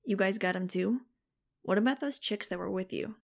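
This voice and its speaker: A woman's voice: mid-range voice, moderate pace, creaky. Woman reading a paranoid hacker dude, slangy and chill. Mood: wary. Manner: casual slangy drawl. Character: paranoid young male hacker, laid-back.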